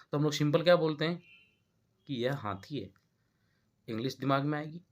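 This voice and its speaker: High-voiced Indian teacher explaining grammar. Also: male voice, a bit bright. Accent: Indian Hindi-speaking. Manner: explanatory, checks understanding with repeated questions. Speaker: English teacher. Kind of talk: classroom-style grammar lesson.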